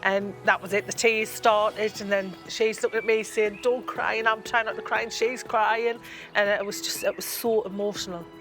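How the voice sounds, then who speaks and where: A woman's voice: medium pitch, little pitch movement, moderate pace, a bit bright, soft background music. A woman in a documentary interview, recounting an emotional reunion with feeling. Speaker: family member interviewed.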